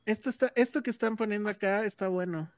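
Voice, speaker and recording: A woman co-hosting a casual film podcast, chatting in lively banter. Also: medium pitch, fast talker, a crowd in the background. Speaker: podcast co-host.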